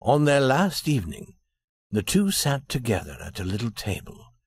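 Expressive male storybook narrator. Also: medium pitch, normal speed, breathy edge, no echo. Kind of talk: storybook reading for English learners.

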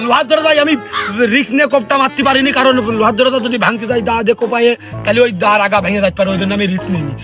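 A man voicing a boastful, cowardly young male thug who rambles and pleads with excuses in a comic sketch. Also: very high-pitched.

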